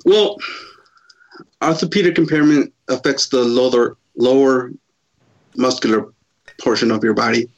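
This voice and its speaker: A man in his thirties from Chicago, a podcast guest answering in a halting, hesitant way. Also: medium pitch. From Chicago, USA. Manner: halting, hesitant, many pauses. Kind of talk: casual interview answers. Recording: dull lo-fi sound.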